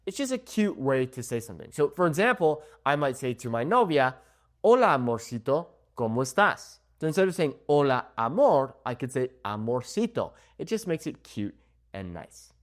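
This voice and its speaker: A man's voice: mid-range voice, sing-song, moderate pace. A young man giving a casual video lesson on Spanish, often checking in with "okay?" as he explains. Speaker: Spanish teacher.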